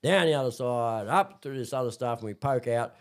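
A man's voice: mid-range voice, fairly quick, vocal fry. A man with an Australian accent, a guest telling stories in a casual, rambling chat full of fillers and restarts. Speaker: interview guest. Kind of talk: casual storytelling.

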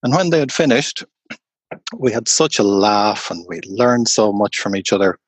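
A man, a tour guide, telling stories slowly and unhurriedly in an interview. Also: fairly low pitch, lively intonation, husky, no room sound. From Ireland. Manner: slow, unhurried anecdotal telling. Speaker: tour guide and storyteller guest. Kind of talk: conversational storytelling interview.

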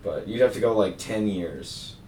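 A young man hosting a casual podcast, wandering through his thoughts with plenty of fillers. His voice sits a little low. The mic is some distance away in a roomy space. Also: lively intonation, moderate pace, a little mellow, slight background noise. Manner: rambling, lots of fillers. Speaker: podcast host. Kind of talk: casual chat.

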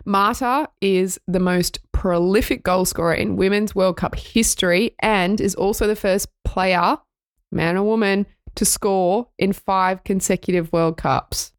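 A woman's voice: medium pitch, steady tone, a little slow, clean tone, no room sound. A woman co-hosting a women's sports podcast, reading news items and laughing often. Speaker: podcast co-host. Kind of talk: casual sports podcast chat.

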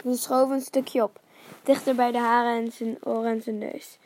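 A woman reading a children's story aloud, calm and steady, sometimes dropping to a near whisper, with small slips as she reads. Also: fairly high pitch, moderate pace, a little hiss or hum.

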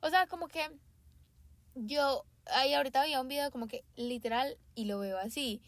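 A woman co-hosts a podcast, telling personal stories in a relaxed, filler-filled way. Her voice sits fairly high. The recording is dry and close. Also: moderate pace, no echo. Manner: relaxed storyteller, leans on "literal" and "o sea". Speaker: podcast co-host. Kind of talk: casual podcast chat.

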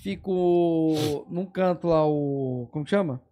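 A man guesting on a podcast, trading crude jokes with sudden loud outbursts. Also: fairly high pitch, a little slow. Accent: Brazilian Portuguese. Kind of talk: chaotic comedic banter.

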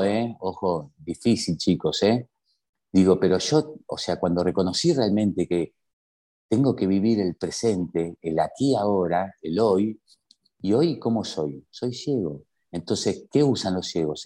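A man's voice: low-pitched, warm tone. A man with an Argentine accent, a guest telling his personal story with emphatic rhetorical questions. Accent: Argentine Spanish. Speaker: interview guest.

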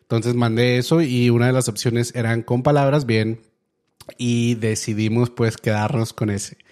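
A man's voice: medium pitch, steady tone, moderate pace, darkish tone. A young man hosting his own podcast, telling a story in a loose, chatty way full of fillers and restarts. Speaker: podcast host. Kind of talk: casual storytelling monologue.

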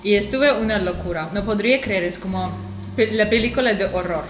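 A woman in her thirties from Russia with a Russian accent, an interview guest speaking haltingly and searching for words in her second language. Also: mid-range voice, reverberant, over music. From Siberia, Russia. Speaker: interview guest, visual artist. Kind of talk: casual interview.

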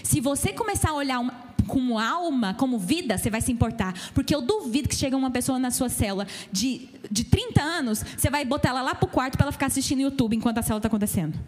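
A woman's voice: high voice, lively intonation, fast talker, darkish tone. A middle-aged woman pastor preaching a sermon to a church, emphatic and full of direct questions to her listeners.

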